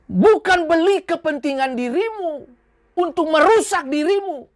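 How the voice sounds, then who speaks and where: Woman preacher, high and emphatic, dry close sound, scolds with rhetorical questions. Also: animated, unhurried, no room sound. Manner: acts out quoted voices in short skits. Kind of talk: sermon.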